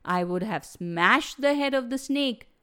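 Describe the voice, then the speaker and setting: A woman's voice: on the high side, lively intonation, measured pace, a bit bright, smooth. A woman voicing a bragging fox who puffs up its chest in a storybook. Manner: wailing, then boastful.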